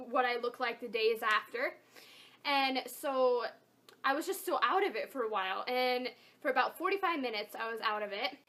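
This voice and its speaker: A woman's voice: sits high, sharp tone. A young adult woman telling a personal story in a casual, chatty, informal way, as a vlogger talking to her viewers. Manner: chatty, informal, emphatic with frequent "like" and "totally".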